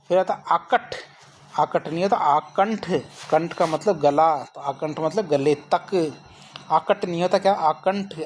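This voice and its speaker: A woman's voice: sits low, slight background noise. Woman drilling Hindi spelling with repeated questions. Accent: Rajasthani. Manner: repetitive question-and-answer drilling. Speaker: Hindi teacher. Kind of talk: exam-prep spelling lesson.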